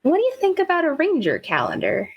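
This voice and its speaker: A woman voicing a pushy, flirtatious woman reporter who talks smoothly and forwardly, in a tabletop role-play. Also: sits high, huge pitch swings, fast talker, dull audio, voice pushed up, full character voice. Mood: scheming.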